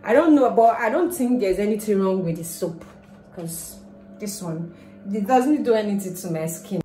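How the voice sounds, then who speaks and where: A young woman with a Nigerian English accent talks to her vlog camera in a loose, rambling, self-mocking way. Her voice is mellow and sits back from the mic in a roomy space with a faint hiss behind it. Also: mid-range voice, animated, normal speed. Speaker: vlogger. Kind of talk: casual vlog chat to camera. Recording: roomy, distant sound with faint noise.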